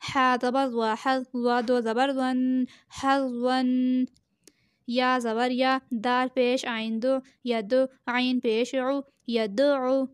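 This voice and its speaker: A woman teaching Quran reading, spelling out each syllable slowly and then joining them. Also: sits high, level tone, clear, resonant tone, no room sound, clean studio sound. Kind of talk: slow spelled-out recitation lesson.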